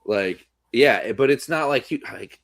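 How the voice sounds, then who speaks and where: A man co-hosting a sports podcast, rambling in casual chat with lots of restarts and fillers, slightly hoarse from coughing. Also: medium pitch, expressive, unhurried, a bit bright, no room sound, studio quality. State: coughing today. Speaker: podcast co-host.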